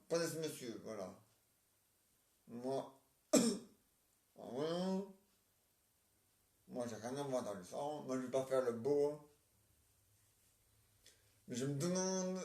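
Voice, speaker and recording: A man acting out a comic play and switching between roles, halting and stammering as he repeats his words. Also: mid-range voice, mellow. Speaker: amateur stage performer. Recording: roomy, distant mic.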